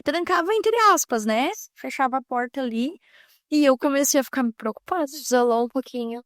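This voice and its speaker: A woman's voice: high voice, a little fast, no room sound, clean studio sound. A middle-aged woman, a mother and housewife, earnestly sharing a faith testimony and acting out family dialogue as she tells it. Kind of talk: personal faith testimony on a podcast.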